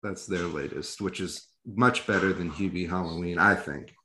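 A man's voice: deep voice, moderate pace, bright, forceful tone, a little hiss or hum. A man co-hosting a comedy podcast over a video call, blunt and profane in loose chat. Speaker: podcast co-host.

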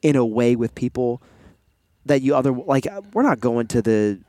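A man's voice: medium pitch, animated, normal speed, warm tone, no room sound. A man chatting casually as a co-host, rambling with lots of fillers and laughing easily. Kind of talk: casual chat.

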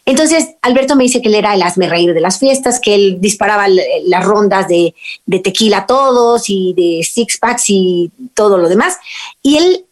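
A woman's voice: mid-range voice, expressive, moderate pace. A middle-aged woman with a Mexican accent who hosts a radio talk on parenting and faith and speaks earnestly and emphatically to her listeners. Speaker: radio host.

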